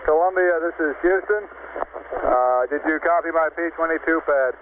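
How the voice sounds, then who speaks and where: A man working as a mission control communicator, giving measured, clipped procedural messages over a two-way radio. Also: on the high side. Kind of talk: procedural radio readout of figures. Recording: tinny noisy 1960s radio link.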